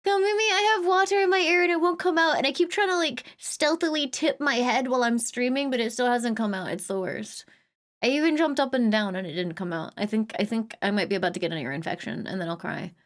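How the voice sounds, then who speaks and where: A woman live streamer chatting casually, humming little filler sounds and greeting viewers with bursts of excitement. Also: a little high, brisk. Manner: chatty, hums and scats little filler sounds between thoughts.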